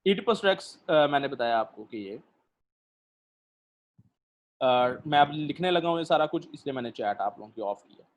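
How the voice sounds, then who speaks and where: A male lecturer, teaching a literature class online, explaining slowly with many pauses and fillers and putting questions to his students. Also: fairly high pitch, lively intonation, highs cut off.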